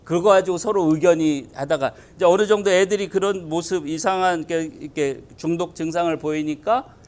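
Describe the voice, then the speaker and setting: Male pastor, high voice, preaching with emphatic rhetorical questions. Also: fairly quick, a little mellow. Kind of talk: sermon.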